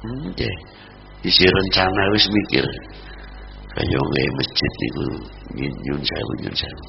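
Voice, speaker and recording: A man with a Javanese accent preaching a sermon, swinging between loud exhortation and low murmurs. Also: sing-song, takes it slowly, gravelly. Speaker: Islamic preacher. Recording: dull lo-fi recording with noise.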